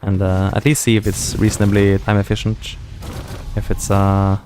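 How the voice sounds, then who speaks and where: A man's voice: lowish voice, monotone, normal speed, warm tone, a little hiss or hum. A man from Scandinavia thinking aloud and chatting casually as he plays a game, answering chat comments as he goes. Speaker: gaming streamer.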